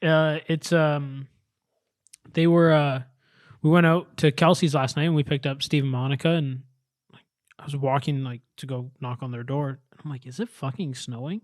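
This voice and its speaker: A man's voice: fairly high pitch, flat delivery, normal speed, no room sound, clean studio sound. A young man co-hosting a casual podcast, easygoing and profane, often agreeing with his friend. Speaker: podcast co-host.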